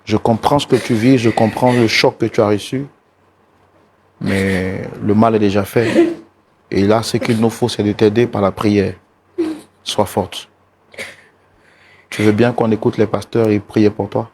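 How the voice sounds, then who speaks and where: A man hosting a talk show, trying to calm a distressed guest and repeating the same pleas over and over. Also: lowish voice, a little slow, pauses often, slight background noise. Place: TV studio set.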